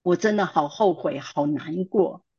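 A woman's voice: fairly low pitch, a little slow, warm tone, husky. A woman voicing an older mother-in-law who apologizes and pleads with tearful remorse, on a dull lo-fi recording. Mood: remorseful pleading.

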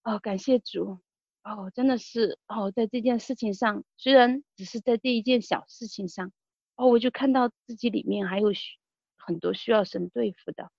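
A woman giving an earnest personal testimony, halting often and restarting her words. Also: medium pitch, gravelly, darkish tone, dry recording, lo-fi sound. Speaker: testimony giver.

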